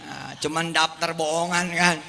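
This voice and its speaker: A man's voice: a little high, steady tone, unhurried, vocal fry, bright, forceful tone, long reverb tail, slight background noise. A man preaching a sermon, telling stories and acting out both sides of the conversations, with questions put to the listeners. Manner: acts out both sides of remembered dialogues, asks the audience questions. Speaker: Islamic preacher. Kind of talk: sermon with storytelling.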